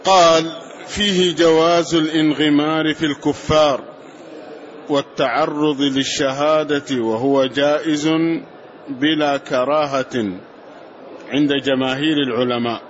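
A man's voice: fairly high pitch, steady tone, measured pace. A man reading a commentary aloud in class, reciting the quoted passages for the teacher. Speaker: student reading the text aloud. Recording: dull lo-fi recording.

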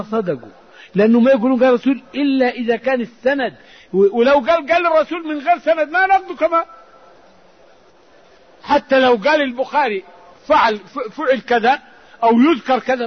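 A man giving a religious lesson as an Islamic scholar, fervent, with raised emphatic outbursts. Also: very high-pitched. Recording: dull lo-fi recording.

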